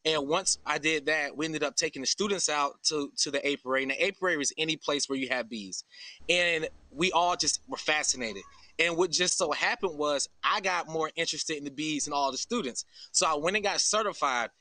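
An American farm founder in his thirties, appearing as a guest in a live video-call interview, explains things earnestly and informally from beneath an open farm shelter outdoors. His voice is fairly high, a little fast and sharp, and the audio is poor, with no room sound.

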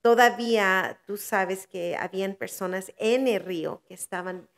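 A woman's voice: mid-range voice, measured pace, creaky. An older woman preacher giving earnest testimony in a podcast interview, with heartfelt swells. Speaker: guest preacher.

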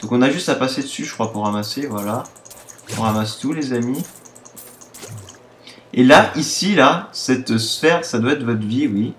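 Excitable 18-year-old male let's-play host, roomy room sound. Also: medium pitch, normal speed, long pauses, slight background noise. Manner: excitable, exclaims often. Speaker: gaming video host. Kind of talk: casual let's-play commentary.

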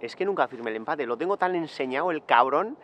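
A man's voice: on the high side, animated, fairly quick, a bit bright. A man in his thirties, a mountain bike racer, chatting casually and jokingly to a close-range camera outdoors on a hillside. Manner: joking, slangy, breezy. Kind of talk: casual vlog chat.

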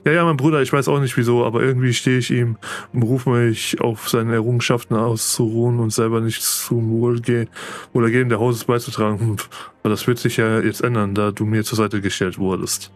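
A man's voice: medium pitch, level tone, a little fast, lightly acted. A man reading the lines of an eager, boastful young noble son in a game, plainly read aloud. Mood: chatty.

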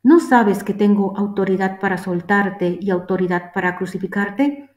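A woman reading the words of a questioning, uneasy Roman governor in a steady, solemn voice, in a roomy space. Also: medium pitch, moderate pace, natural voice. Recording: roomy echo.

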